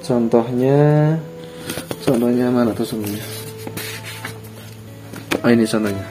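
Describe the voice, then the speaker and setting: A man's voice: mid-range voice, a little slow. Man, teacher, patient lesson, repeats examples, corrects himself, faint background music. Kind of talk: screen lesson on Pegon script.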